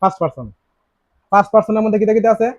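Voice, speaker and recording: Male tutor, high pitch, keeps firing questions at the class, dry room. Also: racing, no room sound. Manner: asks students many rhetorical questions; repeats key words. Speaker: teacher. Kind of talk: classroom grammar lesson. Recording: dry, slightly dull lo-fi sound.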